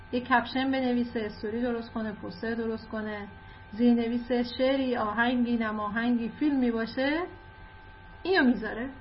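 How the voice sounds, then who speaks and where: High-voiced woman explaining a lesson. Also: dull audio, a little hiss or hum. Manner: conversational, explains with examples and asides. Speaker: literature teacher.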